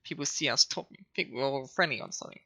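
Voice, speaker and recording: Man doing a snobby, gravelly rival cop. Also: medium pitch, fast. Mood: sneering. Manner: taunting, sneering, loud. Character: smug, snobby rival police officer, male.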